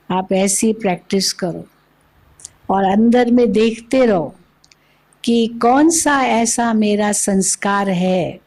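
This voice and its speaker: A woman's voice: medium pitch, mellow. A woman giving a spiritual discourse at a microphone, explaining patiently with everyday examples. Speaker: spiritual teacher.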